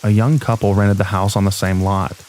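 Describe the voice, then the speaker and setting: A man calmly and steadily narrating scripted horror stories meant for falling asleep. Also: lowish voice, brisk, a little hiss or hum. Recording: steady rain sound behind voice. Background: rain ambience.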